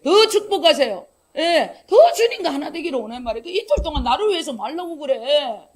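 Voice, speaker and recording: A middle-aged woman pastor, preaching a sermon in an animated storytelling way, acting out quoted dialogue. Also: high-pitched, fairly quick.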